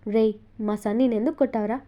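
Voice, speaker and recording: A woman's voice: a little high, steady tone, quick pace, dull audio, natural voice. A woman voicing a cocky, hot-tempered little schoolboy in a storybook reading, speaking brashly. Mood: defiant. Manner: brash, defiant.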